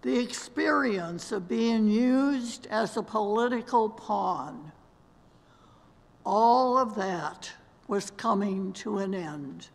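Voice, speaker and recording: An older woman, a worship leader, reads a slow, scripted meditation and prayer at a lectern in a large church sanctuary, seated among a robed choir. Her voice is medium-pitched and gravelly, and the recording carries long church reverb.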